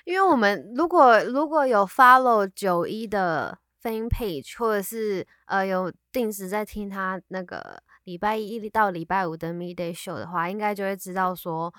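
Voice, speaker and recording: A young woman co-hosting a podcast in casual chat, lively and teasing, laughing often. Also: medium pitch, measured pace, no echo, studio quality. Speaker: podcast co-host.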